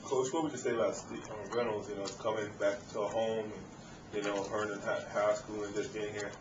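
A man's voice: on the low side, flat delivery, fairly quick. A man, a reporter, asking long questions at a press conference, with many fillers. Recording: muffled, far off, echoey, crowd noise.

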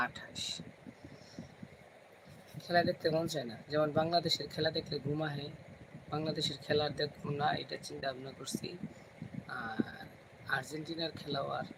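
Live-stream host, male, talks low and chatty to viewers, noisy home mic. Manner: talks softly, kids asleep nearby; chatty, addresses viewers by name. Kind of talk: casual live-stream chat. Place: home at night. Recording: noisy home recording, fan hum.

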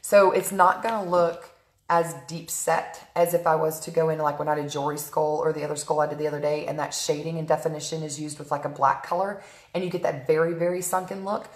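A woman giving a casual live makeup tutorial from home, talking viewers through each step, greeting them by name and filling pauses with "um". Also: low-pitched, steady tone. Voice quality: chatty, frequent "um" fillers, greets viewers by name mid-sentence. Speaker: makeup artist livestreaming a tutorial. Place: at home in a room, early morning. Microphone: tablet camera on a stand. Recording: roomy echo.

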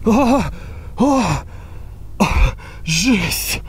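A man in his twenties bantering excitedly, in short exclamations, in a comedy sketch. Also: very high-pitched, drawn-out words, background noise. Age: 20s.

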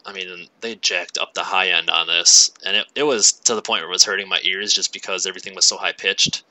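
Young male gaming host, very bright and lowish voice, loose rambling delivery with "um"s, headset mic at his desk. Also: fairly quick, rough recording. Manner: relaxed, rambling, frequent fillers. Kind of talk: casual tech walkthrough.

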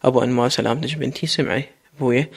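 A man's voice: mid-range voice, fairly even intonation, racing, vocal fry, husky. A man voicing a firm, fatherly Iraqi sheikh. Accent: Iraqi Arabic.

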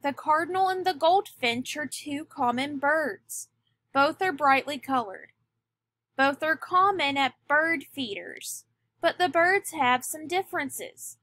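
Slow, high-voiced woman teacher. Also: expressive, sharp tone, dry recording, studio quality. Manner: slow, deliberate, stresses key words. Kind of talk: recorded classroom lecture.

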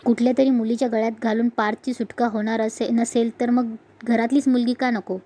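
An earnest middle-aged brother talks things through and thanks his sister, as a woman reads him. The voice is mellow and fairly flat, in a plain recap delivery. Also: a little high, brisk, lightly acted. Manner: earnest, reasoning. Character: grateful middle-aged brother and family man.

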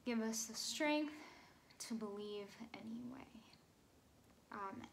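A woman's voice: a little high, takes it slowly, gravelly, a little hiss or hum, rough recording. Woman telling a children's sermon at home. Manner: gentle storytelling to children, playful exaggeration. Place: small bedroom at home.

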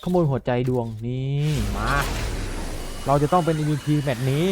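A man giving excited commentary on a mobile party game, often calling out and exclaiming. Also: a little high, normal speed. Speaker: gaming YouTuber. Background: game music.

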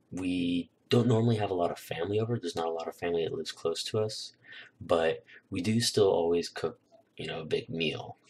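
Young guy vlogging, really low voice, rambly storytelling w lots of ums. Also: a little hiss or hum. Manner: relaxed, rambling, filler-heavy. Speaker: YouTuber. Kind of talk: casual storytelling vlog. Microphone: new desk microphone.

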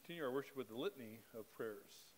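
The rough recording captures a middle-aged pastor with a mid-range voice leading a spoken liturgy. He reads into the pulpit microphone in the sanctuary with an even, measured, steady cadence.

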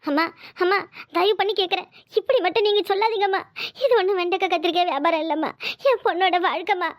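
A high, quick cartoon mother pleading for her daughter, voiced by a woman. She begs tearfully and earnestly and keeps asking for mercy. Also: fairly even intonation, no room sound, studio quality. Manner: imploring, tearful begging. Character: poor, pleading mother of the bride.

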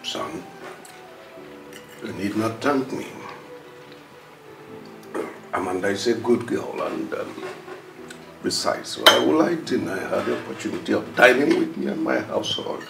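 An actor with a Nigerian accent playing a gentle, fatherly older king. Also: fairly low pitch, huge pitch swings, measured pace, gravelly, long pauses, reverberant, far from the mic, over loud music, exaggerated voice, rough recording. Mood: warm.

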